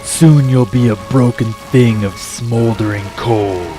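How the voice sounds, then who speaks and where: A man's voice: mid-range voice, measured pace, music in the background, lightly acted. A man voicing a bitter, grandiose villain from underground in a superhero drama, delivering resentful monologues. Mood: gloating menace. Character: bitter, grandiose male underground villain craving eternal night. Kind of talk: scripted superhero audio drama.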